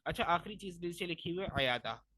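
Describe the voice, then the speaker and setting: A young man from Pakistan teaching Quran recitation in a fairly high, bright, forceful voice. He explains each rule patiently, step by step, then draws the recited words out slowly and loudly. The sound is close and dry, with no room echo. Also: animated.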